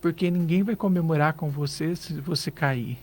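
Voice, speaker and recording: High-voiced Brazilian man giving earnest advice. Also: moderate pace, darkish tone, a little hiss or hum. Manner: earnest, advising, rhetorical questions. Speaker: psychologist guest. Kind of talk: radio interview advice. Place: radio studio.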